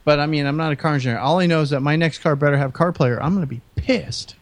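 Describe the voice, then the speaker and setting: A man's voice: fairly high pitch, fast talker, dry recording. A man co-hosting a podcast in casual conversation. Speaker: podcast co-host. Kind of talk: casual chat.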